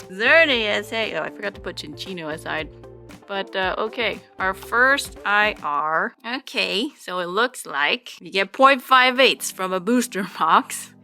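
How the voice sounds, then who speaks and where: A woman's voice: mid-range voice, bright, forceful tone. A woman hosting a casual pack-opening video, chatting to herself and reacting to each pull. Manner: chatty, thinks aloud, reacts to pulls with laughs and gasps. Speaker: channel host opening card packs.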